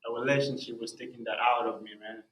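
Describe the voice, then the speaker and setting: A man's voice: medium pitch, fairly even intonation, fast talker, a bit bright. A young man in a casual podcast interview tells his story with animation, dropping "bro" and "man" into almost every sentence. His voice sits in a middle register. It rings in a roomy, echoey space. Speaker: music artist guest. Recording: roomy echo.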